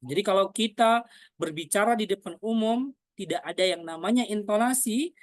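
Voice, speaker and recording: A woman's voice: mid-range voice, normal speed, dry recording. A woman teaching a public speaking lesson as a coach. She fills her phrases with "nah" and "eh", voices example lines aloud, and asks herself questions in the name of "Coach". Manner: frequent "nah" and "eh" fillers between phrases. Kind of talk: spoken training lesson.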